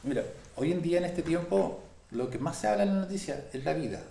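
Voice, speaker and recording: A man, a pastor in an earnest Bible study conversation who slows down to stress scripture. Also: on the high side, animated, vocal fry, dark tone, a little hiss or hum. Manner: earnest, slows and stresses key phrases when quoting scripture. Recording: echoey room.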